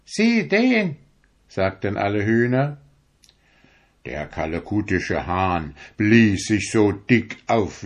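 A man narrating a fairy tale as a storybook reading, as a lively storyteller. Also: lowish voice. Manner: lively storyteller, voices the animals.

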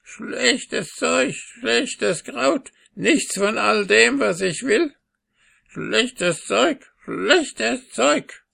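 Brief: male reader putting on a shrill, hoarse old hag, mocking and sly, storybook villain. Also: animated, drawn-out words, pushed and bright, heavily acted. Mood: grumbling. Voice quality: hoarse, cackling. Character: spiteful hook-nosed old crone, a witch.

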